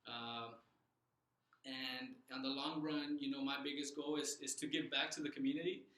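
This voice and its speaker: A man's voice: medium pitch, level tone, moderate pace, pushed and bright, echoey room, poor audio. A young man from Southern California being interviewed as a loan officer, earnest and thoughtful, with frequent fillers and restarts. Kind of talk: casual interview.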